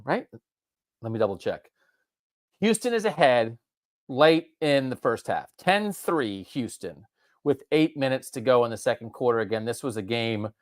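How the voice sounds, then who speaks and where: A man co-hosting a casual sports talk show, animated and jumping up in pitch to stress points. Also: no echo, studio quality. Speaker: co-host.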